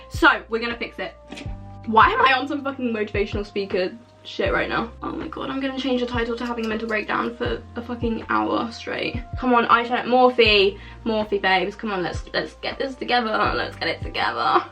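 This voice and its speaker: A woman's voice: on the high side, lively intonation, brisk, fairly bright tone, low-quality recording. A seventeen-year-old girl chatting through a get-ready-with-me makeup vlog, rambling, swearing a lot and mocking herself. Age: teens. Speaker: beauty vlogger. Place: warm bedroom at a makeup mirror. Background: music playing in the background.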